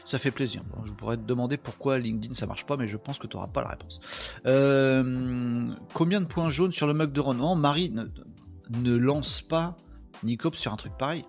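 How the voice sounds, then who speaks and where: Joking, creaky-voiced French live host. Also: male voice, medium pitch, normal speed, soft background music. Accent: northern French. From northern France. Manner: rambling, joking, chatting with viewers. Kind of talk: casual live-stream chat.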